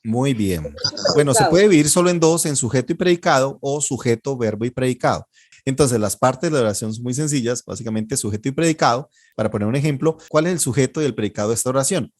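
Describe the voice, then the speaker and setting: Patient man teaching Greek, mid-pitched. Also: animated, darkish tone. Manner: patient, repeats words slowly for students to echo. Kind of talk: online class, drilling pronunciation and explaining grammar.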